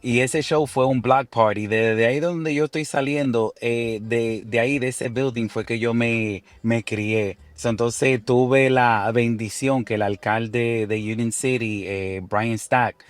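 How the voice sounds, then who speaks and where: A man from New York, a musician guest, answering interview questions in a relaxed way with many fillers and some English words mixed in. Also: medium pitch, takes it slowly, hardly any pauses, no echo.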